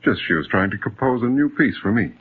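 A deep, gentle doting father. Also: expressive, fast talker, breathy edge. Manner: soothing, patient. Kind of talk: 1940s radio acting. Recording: tinny old radio recording.

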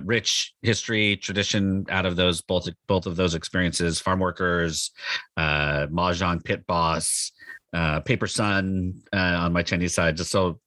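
A Northern Californian pastor in his fifties, appearing as a podcast guest, chats casually in an interview, rambling and cracking jokes at his own expense. His low-pitched voice sounds pushed and bright, and the recording is dry.

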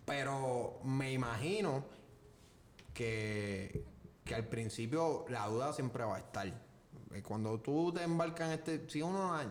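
A man's voice: animated, takes it slowly. A man hosting a podcast, joking and rambling, often restarting his sentences. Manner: joking, rambling, self-interrupting. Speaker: podcast host. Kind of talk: casual chat. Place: podcast studio. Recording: echoey room with faint rumble.

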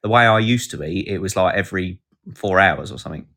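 Rambling man with a low voice. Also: fast talker, a bit bright. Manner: rambling, jokey, reads out chat comments. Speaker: podcast host. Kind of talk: casual live podcast chat.

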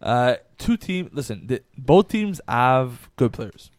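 A man's voice: medium pitch, sing-song, slow pace, no room sound, studio quality. Rambling man telling a sports story. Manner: rambling storyteller, restarts, swears casually. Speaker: podcast co-host. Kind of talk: casual sports chat.

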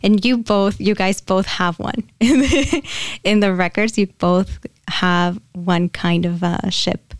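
Speaking slowly in a mid-range voice with fairly even intonation, a young podcast guest casually describes a spiritual channeling. She laughs frequently and drops to a gentle near-whisper, captured in studio quality with no echo.

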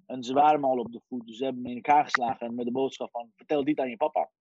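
A man's voice: medium pitch, very fast, background noise. Man from Iran telling his story. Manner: lively storyteller, sprinkles in English phrases. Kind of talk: casual personal storytelling. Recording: dry, dull lo-fi sound.

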